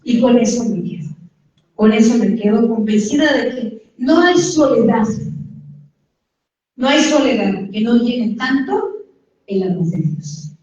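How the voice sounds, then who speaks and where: A woman's voice: a little high, lively intonation, unhurried, long pauses, a little mellow, a little hiss or hum. A woman with a Mexican accent giving a church testimony, talking directly to listeners in a conversational way. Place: church hall. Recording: echoey church hall, distant dull mic.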